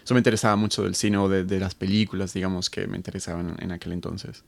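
A man's voice: low voice, level tone, quick pace, creaky, dry recording. A man in his thirties from Colombia, a guest talking thoughtfully in an interview, with many fillers and restarts. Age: 30s. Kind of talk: conversational interview.

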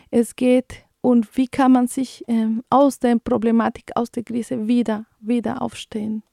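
A Colombian woman of around forty hosts a radio segment in German, her Spanish accent clear as she searches for words and speaks earnestly. Her voice sits fairly high yet stays even and flat in its melody. The sound is dry and close, with no room around it. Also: dry recording. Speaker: radio show host. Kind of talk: radio moderation with read news.

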